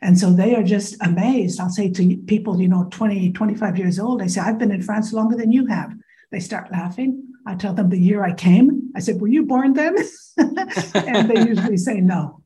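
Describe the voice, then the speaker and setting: As an interview guest, a woman in her fifties from Iowa in the United States talks thoughtfully and frankly, sprinkling in small fillers. Her medium-pitched voice is mellow and moves at normal speed.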